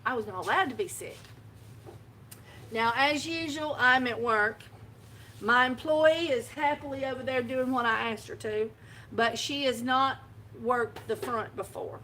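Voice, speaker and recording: Speaking from her own shop on a phone live video, a woman with a fairly high, fairly bright voice rambles chattily and laughs frequently. The recording is rough, with a little hiss or hum.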